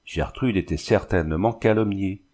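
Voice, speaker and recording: A man reading a novel aloud as steady scripted narration, lifting his voice a little for the characters' lines. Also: low voice, moderate pace. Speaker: audiobook reader.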